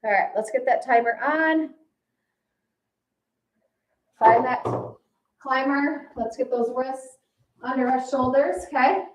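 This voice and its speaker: A high-voiced fitness instructor leads a circuit workout in classic aerobics style, offering short commands, counts and steady encouragement. She speaks slowly with long pauses. The recording is echoey and roomy, with the mic placed some distance away.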